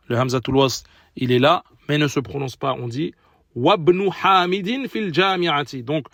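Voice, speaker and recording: Man, Arabic teacher, slow careful delivery, slightly high voice, repeats words patiently, dry close sound. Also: vocal fry, fairly bright tone, dry recording. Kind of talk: recorded language lesson.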